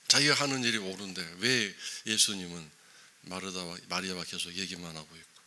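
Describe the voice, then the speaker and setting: A man's voice: deep voice, sharp tone, a little hiss or hum. A man preaching a dawn sermon in a church, asking the congregation emphatic rhetorical questions. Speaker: pastor. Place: church, early morning service.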